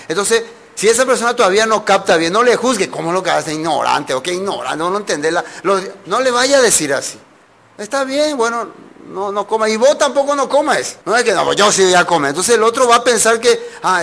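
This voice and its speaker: A man's voice: on the high side, fairly bright tone. A man preaching a Bible study, asking his listeners questions and acting out quoted voices. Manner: asks the congregation questions and acts out quoted voices. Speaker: pastor.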